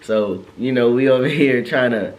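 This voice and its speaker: A man in his thirties co-hosting a couple's channel, chatting in a relaxed, joking, slangy way. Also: medium pitch, moderate pace. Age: 30s. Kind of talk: casual chat.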